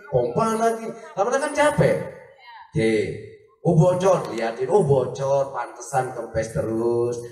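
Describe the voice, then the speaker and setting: A man's voice: high voice, darkish tone. A man preaching a humorous religious sermon, joking and asking his listeners questions. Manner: jokey, asks the crowd questions. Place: large hall at a religious gathering. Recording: echoey hall, voice from far off.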